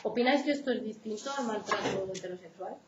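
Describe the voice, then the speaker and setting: Talking fast in a mid-range voice, a psychologist from Spain with a Spain Spanish accent delivers a casual lecture and checks in with listeners as she goes. The lecture recording sounds roomy and dull, with background noise.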